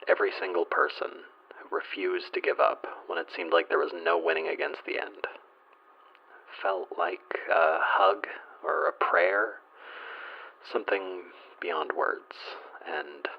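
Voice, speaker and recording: A man's voice: low-pitched, expressive, unhurried, vocal fry, full character voice. A man playing a nervous, lonely fire watcher calling a radio station in an audio drama, stammering, hesitant and self-deprecating. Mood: hesitant, wistful. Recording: dull lo-fi radio call.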